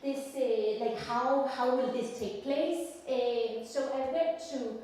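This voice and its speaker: Danish-accented woman, 30s, high soft mellow voice, lecture in an echoey hall heard from a distance. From Denmark. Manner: unhurried, thoughtful, with frequent pauses and fillers. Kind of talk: academic lecture.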